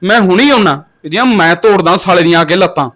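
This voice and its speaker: A man's voice: high voice, lively intonation, quick pace. A man playing a hot-tempered protective brother. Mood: angry. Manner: loud, threatening, protective. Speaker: actor in a short film.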